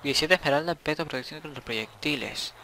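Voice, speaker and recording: Bright-voiced Spanish gaming guy. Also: fairly high pitch, a little fast, vocal fry, slight background noise. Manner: rambling, talks to himself, swears at the game. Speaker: gaming channel host. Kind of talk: casual gameplay commentary.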